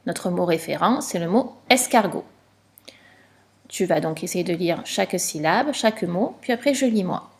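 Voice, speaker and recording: A woman teaching a reading lesson to young children, explaining slowly and clearly with patience. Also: on the low side, animated.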